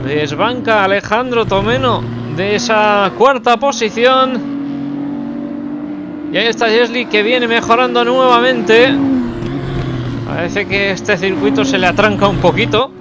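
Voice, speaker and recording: A man's voice: high-pitched, measured pace. A man giving live motorsport commentary, calling out the action and exclaiming at position changes. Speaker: sim racing commentator. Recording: loud car engine noise behind.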